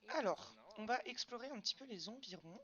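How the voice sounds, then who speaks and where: Young woman streamer, bright chatty voice, chats with viewers between game moves, a bit dull and lo-fi. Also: fairly high pitch, animated, a little fast. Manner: chatty, answers chat questions, frequent fillers and "hop". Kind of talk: casual live-stream chat while gaming.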